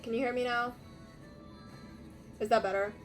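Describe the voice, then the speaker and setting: A woman's voice: a little high, steady tone, normal speed. A young adult woman chatting casually on a livestream in a sweary, slangy, muttering way, heard from far off on a laptop mic. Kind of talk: casual livestream chat while crafting. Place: her room at home. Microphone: far from mic, laptop at a distance. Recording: distant laptop mic, music behind. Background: music.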